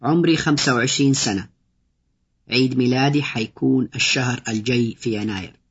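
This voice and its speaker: A man reading short phrases aloud for a language lesson, pausing between each. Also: medium pitch, slightly rough. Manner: reads short phrases with pauses. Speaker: language teacher. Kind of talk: slow read-aloud language drill. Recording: dull lo-fi recording.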